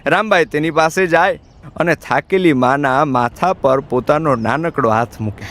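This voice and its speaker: A man narrating an audiobook in an expressive, dramatic storytelling manner. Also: a little high, normal speed.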